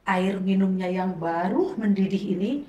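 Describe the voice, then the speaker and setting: A woman's voice: medium pitch, unhurried, mellow, muffled recording. Middle-aged woman sharing a heartfelt testimony, roomy sound. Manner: conversational, acts out quoted dialogue. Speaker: pastor's wife giving a testimony. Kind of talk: emotional personal testimony. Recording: roomy, distant mic, faint noise.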